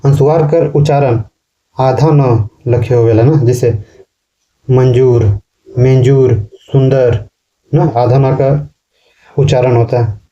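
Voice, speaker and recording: Man teaching, very dark mellow voice, patient repetitive explaining, dull lo-fi recording. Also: medium pitch, fairly even intonation. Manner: explains slowly, repeats words and ends sentences with a questioning "ना". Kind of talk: classroom lecture.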